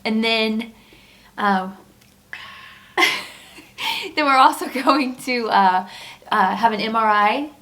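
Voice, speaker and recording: A woman in her fifties who cares for her husband, hosting a casual home vlog and speaking earnestly and openly, with many fillers and soft laughs. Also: fairly high pitch, slow pace, pauses often. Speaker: spouse and caregiver, vlog host.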